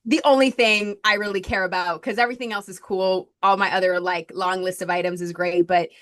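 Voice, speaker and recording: Talking a little fast in a medium-pitched, slightly bright voice with fairly even intonation, a Colombian woman in her thirties tells her story as a podcast guest. The marketing strategist is chatty, never stops, and leans on fillers and "likes."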